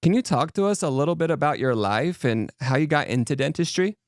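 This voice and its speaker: A man's voice: fairly high pitch, expressive, a little fast, no room sound, studio quality. A male podcast co-host asking questions and giving brief, encouraging affirmations. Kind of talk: interview host.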